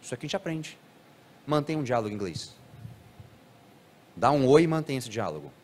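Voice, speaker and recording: An animated man lectures a live audience. His voice sits in the middle range, and he often jumps higher to act out how children talk. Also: a little fast, slight background noise. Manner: animated, acts out children's speech in a raised voice.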